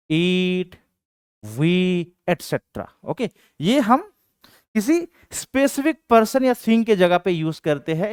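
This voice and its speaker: A man giving an exam-prep English grammar lecture, asking questions and answering them himself, and reading English sentences out slowly. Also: high-pitched, smooth, dry recording, studio quality. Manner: explains, then asks and answers his own questions.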